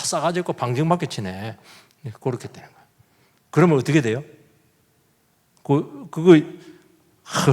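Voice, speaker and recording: Animated pastor preaching in a hall. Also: male voice, fairly high pitch, husky. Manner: animated preaching with rhetorical questions and acted-out quotes. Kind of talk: sermon. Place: church sanctuary. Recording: long church hall reverb.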